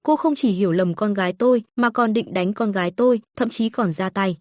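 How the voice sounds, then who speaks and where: A woman's voice: mid-range voice, brisk, a little mellow, no echo, clean studio sound, lightly acted. A woman voicing a stern, protective rich father in an audio story, curt and cold.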